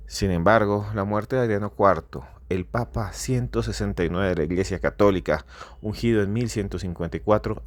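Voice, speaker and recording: A man hosting a podcast, telling a story with theatrical, repetitive build-ups that swell to near-shouting. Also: low voice, no echo. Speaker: podcast host. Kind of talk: dramatic storytelling narration.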